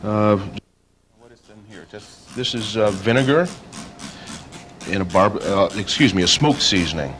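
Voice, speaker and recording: A man's voice: fairly low pitch, expressive, measured pace, long pauses, a bit bright, soft background music. A man giving a cooking demonstration in a folksy, polite way, with frequent fillers. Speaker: restaurant cook.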